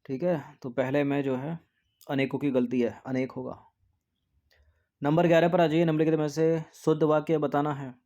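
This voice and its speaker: A man teaching an exam practice lesson, repeating words to drill spelling, often dropping to a soft low aside after each answer. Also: flat delivery, normal speed, muffled recording.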